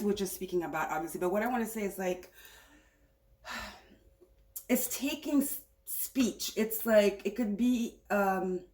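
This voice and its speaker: A woman talks through a tarot reading in a loose, chatty way, wandering between thoughts as she goes. Her voice sits at a medium pitch, and the recording has a noticeable roomy echo. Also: a little mellow. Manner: rambling, chatty, thinking aloud. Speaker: tarot reader. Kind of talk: casual spiritual reading.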